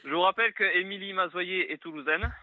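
A man's voice: high-pitched, fast, no echo, narrow, tinny audio. A young man from the French Basque Country with a southwestern French accent, calling in on the phone to a radio show, eager and hesitant with many fillers. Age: young adult. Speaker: caller. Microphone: telephone.

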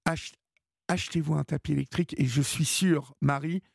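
Gravelly male radio call-in host. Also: a little high, fairly even intonation, moderate pace, no echo, clean studio sound. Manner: warm advice, many hesitations and restarts. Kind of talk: late-night call-in radio chat. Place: radio studio.

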